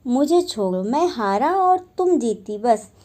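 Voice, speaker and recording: A woman voicing an irritable male lion, king of the jungle, in a storybook reading, gruff when threatening and tired when pleading. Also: fairly high pitch, big pitch swings, slow pace, dark tone, exaggerated voice. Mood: weary.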